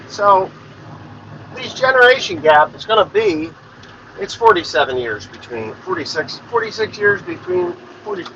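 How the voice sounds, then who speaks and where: The recording is muffled with a little hiss or hum. This forties-aged farmer and podcast host sounds a little high and a bit bright, chatting casually from his vehicle in a rambling, plain-spoken monologue full of swearing.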